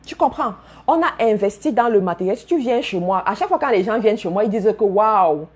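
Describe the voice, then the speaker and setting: A woman's voice: mid-range voice, animated, fairly quick, darkish tone, slightly rough. A woman giving a motivational business talk to her followers, speaking emphatically, repeating key phrases and addressing listeners directly. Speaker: business coach.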